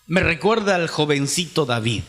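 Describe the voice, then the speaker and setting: A man's voice: fairly high pitch, lively intonation, normal speed, a bit bright, faint music behind. A Peruvian man with a Peruvian Spanish accent preaching a sermon at a youth conference. He reads scripture aloud, explains it, and asks rhetorical questions that he answers himself. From Peru. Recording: long reverb of a large hall.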